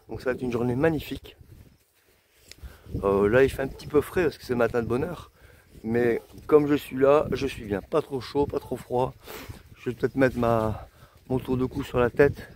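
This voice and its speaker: A man's voice: medium pitch, darkish tone, a little hiss or hum. Chatty man filming his country walk. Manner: chatty, rambling, easily amazed. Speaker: walking pilgrim vlogger. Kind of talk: casual vlog narration while walking. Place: outdoors in open countryside.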